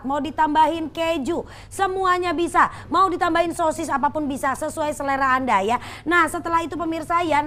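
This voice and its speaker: A woman presents a home-shopping infomercial in a very high voice. Her delivery is urgent and exclamatory, speaking straight to the viewers. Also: a bit bright, a little hiss or hum. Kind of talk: infomercial sales pitch, live home-shopping.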